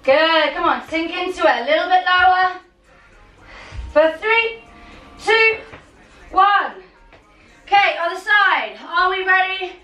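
Bright, high-pitched young woman coaching a workout. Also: expressive, slow, long pauses. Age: young adult. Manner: urgent, commanding, motivating gym-coach calls in short bursts. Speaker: fitness coach leading a home workout. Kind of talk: workout instruction with countdowns and cheering on. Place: small home living and dining room. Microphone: camera a few metres away. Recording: roomy, distant mic, music underneath.

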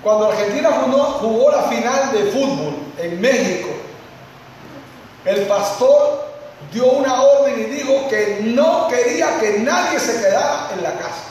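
High-pitched male pastor preaching, lively, big echoey church, mic far away. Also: unhurried, slight background noise. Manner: lively, acts out congregants, addresses listeners directly. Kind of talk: sermon. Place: church hall.

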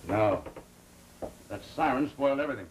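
An actor playing a firm, resolute man in a 1930s crime film, deliberate and insistent. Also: medium pitch, expressive, natural voice. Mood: urgent. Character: firm, resolute man bargaining for children's safety. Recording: distant, noisy 1930s film soundtrack.

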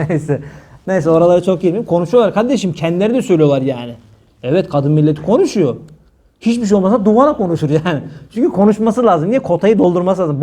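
High-voiced, warm-toned preacher. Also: male voice. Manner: humorous, teasing the audience between teachings. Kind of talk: religious talk to a live audience.

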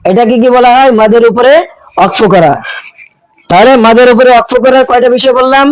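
A man with a Bangladeshi Bengali accent teaching the rules of pausing in Quran recitation, asking questions and answering them himself, with slow, drawn-out chanted recitation of example verses. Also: very high voice, smooth, no echo, poor audio. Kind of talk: tajweed lesson with recited examples.

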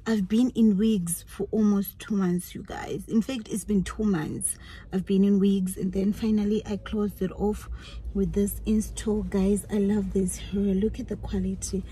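A woman's voice: mid-range voice, level tone, unhurried, mellow, slightly rough, poor audio. A woman in her thirties chatting casually to a phone camera as a vlogger, often dropping to a near whisper. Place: parked car. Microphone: phone at arm's length.

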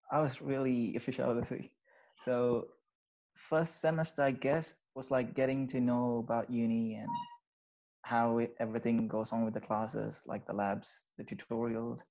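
A young Sri Lankan undergraduate answers interview questions over a video call from a small bedroom, using wired earphones. His medium-pitched voice has vocal fry, and he sounds relaxed and hesitant, with lots of fillers. The call audio is slightly dull.

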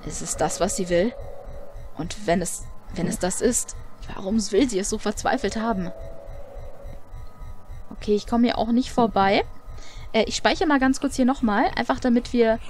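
A woman's voice: a little high, moderate pace, long pauses, darkish tone, soft background music. A woman hosting a let's play, chatting casually and reading the game text aloud.

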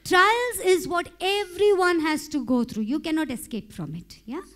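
A woman preacher with a strikingly high voice delivers an impassioned sermon on a church stage. She speaks into a handheld mic, building toward fervent prayer. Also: moderate pace. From India. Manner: impassioned, rising to shouted prayer. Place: church stage with pink backdrop.

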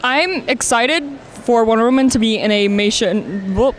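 A woman's voice: on the high side, moderate pace, slight background noise. Playful woman cosplayer joking around. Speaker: cosplayer, interview guest. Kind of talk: casual chat.

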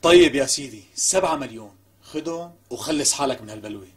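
A man's voice: medium pitch, lively intonation, fast talker, natural voice. An actor with a Syrian accent playing a persistent, coaxing man who makes ever bigger offers in a TV comedy. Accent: Syrian Arabic. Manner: coaxing, wheedling, insistent. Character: smooth, pushy man bargaining hard. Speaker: persistent visitor. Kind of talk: TV comedy acting.

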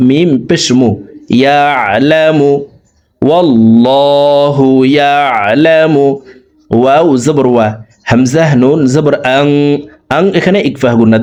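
A man's voice: fairly high pitch, a little mellow. A man teaching Quran reading with a Bangladeshi Bengali accent. He spells out each letter and vowel sign, then chants the joined words. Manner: rapid plain explanations between drawn-out chanted phrases. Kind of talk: slow spelling-out recitation lesson.

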